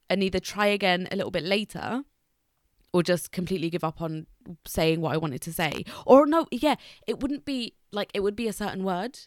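A young woman in casual conversation, speaking haltingly with long pauses between sentences, many restarts and words that get stuck. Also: medium pitch, dry recording, clean studio sound. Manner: hesitant, with many restarts and fillers.

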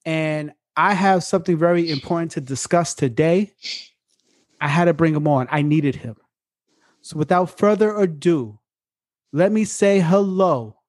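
A man's voice: a little high, a little slow, darkish tone, no echo, studio quality. A man hosting a podcast in casual chat, playful and joking, with an occasional put-on radio voice and some swearing. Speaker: podcast host.

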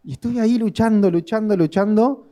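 A young man with a Rioplatense Spanish accent preaching a sermon, telling stories dramatically and swinging between loud and hushed delivery. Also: sits high, brisk. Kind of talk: sermon with storytelling.

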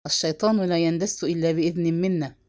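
A woman's voice: lowish voice, fairly even intonation, fast talker, darkish tone, voice pushed down, close to an everyday voice. A woman reading the lines of a stern older male patriarch who barks short, commanding orders. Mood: stern, angry. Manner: gruff commanding outbursts.

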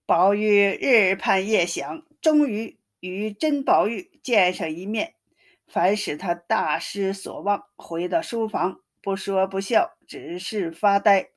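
A woman narrating a classic novel as a storyteller, in a steady, even reading voice. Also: mid-range voice.

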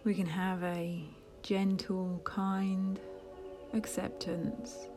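Woman meditation guide, soft half-whisper, unhurried, over gentle music. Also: mid-range voice, little pitch movement. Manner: slow, soft, half-whispered with long pauses.

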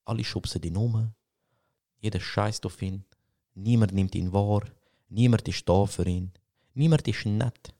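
A young Swiss man with a low, gravelly voice and a Swiss German accent. His tone is dark and mellow, and he talks in an excited, casual way, full of swearing and repeated words. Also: a little slow, pauses often. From Switzerland. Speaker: podcast host. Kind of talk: casual film talk.

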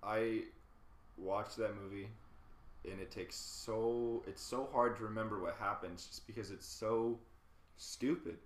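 A man with a lowish voice tears into bad films in blunt, swear-laden chat, laughing often. The room has a noticeable echo around him. It sounds like friends talking on a podcast. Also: unhurried. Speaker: podcast co-host. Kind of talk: casual film chat.

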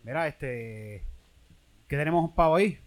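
A man's voice: fairly high pitch, animated. A man with a Puerto Rican Spanish accent, co-hosting a casual chat, jokey and repeating himself. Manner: fast, repetitive, jokey. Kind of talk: casual live-stream chat.

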